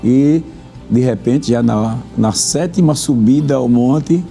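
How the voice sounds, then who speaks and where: A man's voice: mid-range voice, slow pace, vocal fry, mellow, soft background music. A man hosting a religious talk program as pastor, preaching fervently and repeating phrases for emphasis.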